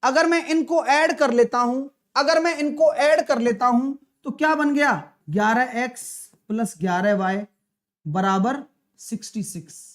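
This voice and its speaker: The speaker is a man with a very high-pitched voice running a live online maths lesson for exam preparation. Chatty and gently pushing, he keeps putting quick questions to his students.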